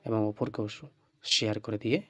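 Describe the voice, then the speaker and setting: A man teaching Quran reading in an online lesson, slowly drilling letter sounds one by one and often checking with the listener. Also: on the low side, little pitch movement. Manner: slow, repetitive drilling with frequent checks "right?".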